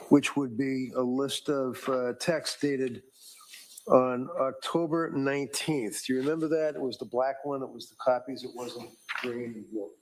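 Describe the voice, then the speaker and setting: A male defense attorney questions a witness, pausing and restarting with frequent ums. His voice sits at an average pitch. The courtroom audio is roomy and echoey, with a faint noise underneath. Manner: halting, many ums and restarts.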